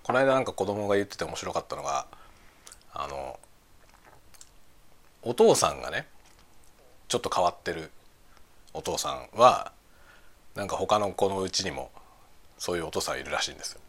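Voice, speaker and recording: Low-voiced, animated middle-aged man chatting over lunch. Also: moderate pace, creaky, pauses often. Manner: musing aloud, talking in short trailing phrases over a meal. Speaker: host of a lunchtime chat. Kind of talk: casual chat while eating lunch.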